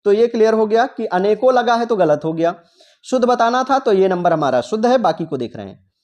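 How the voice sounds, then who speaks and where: A man's voice: high-pitched, animated, darkish tone. A man teaching a Hindi exam practice lesson, who explains step by step and asks himself questions, then answers them. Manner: stretches out key words slowly.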